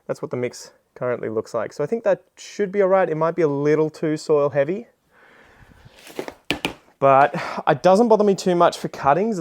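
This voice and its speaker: A man's voice: fairly high pitch, noisy background. An Australian man chatting casually while demonstrating a task, in a rambling, self-deprecating, slangy way. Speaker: gardening video creator.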